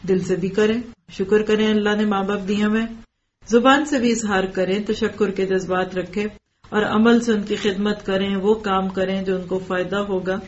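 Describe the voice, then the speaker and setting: A woman giving a Quran commentary lesson, reciting verses slowly and then explaining them plainly, with direct questions to her listeners. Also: mid-range voice, muffled recording. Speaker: Quran teacher.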